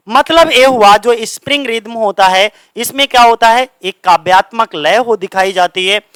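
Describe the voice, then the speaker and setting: A man teaching English literature for an exam, explaining in Hindi, reading English terms out slowly and repeating each answer as a question. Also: high voice, bright, forceful tone, clean tone, no room sound. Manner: reads English lines out slowly and haltingly. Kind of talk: lecture going through exam questions. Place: coaching classroom.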